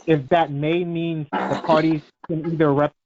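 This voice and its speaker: A man's voice: fairly high pitch, level tone, unhurried, a little mellow. A man on staff answering questions at a virtual board meeting, hesitant with many ums. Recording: muffled video call audio.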